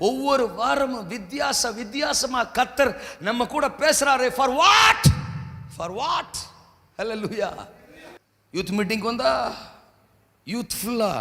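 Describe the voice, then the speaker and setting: A man preaching a sermon with emphatic repetition. He shouts rhetorical questions and calls for amens. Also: very high-pitched, in a large hall.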